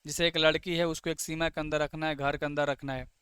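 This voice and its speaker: A man's voice: fairly high pitch, little pitch movement, a little fast, fairly bright tone, clear, resonant tone, no echo, clean studio sound. A man teaching exam vocabulary. He keeps asking questions and answers them himself, and he spells words out letter by letter. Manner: plays the student's reply as "sir, ...". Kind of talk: vocabulary lesson for exam students.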